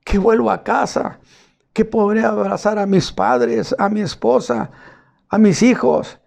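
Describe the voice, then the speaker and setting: A man's voice: high voice, steady tone, measured pace, creaky, a little mellow, voice pushed up, exaggerated voice. A male preacher voicing a healed leper man who joyfully proclaims that he has been cured. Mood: jubilant. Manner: exclamatory, jubilant retelling. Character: healed leper man, overjoyed, shouting his news.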